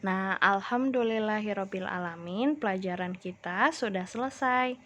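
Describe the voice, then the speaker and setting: A woman's voice: mid-range voice, a bit bright, slight background noise. A woman teacher giving a recorded lesson to children, explaining patiently and speaking straight to the class. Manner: slow, patient explaining, addresses the class directly.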